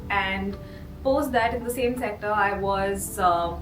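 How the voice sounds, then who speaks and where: A woman in her thirties with an Indian accent introduces herself in a measured way. She sounds far from the mic in an echoing room. Background music plays clearly under her. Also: mid-range voice. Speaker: interviewee, graduate student. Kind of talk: casual interview. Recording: roomy distant mic with music bed.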